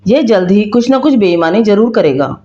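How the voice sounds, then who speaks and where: A calm, witty male court advisor from a storybook, as a woman narrator voices him. He gives respectful, measured counsel at a middle pitch. The sound is roomy and a little dull. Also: close to an everyday voice. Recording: roomy, slightly dull recording.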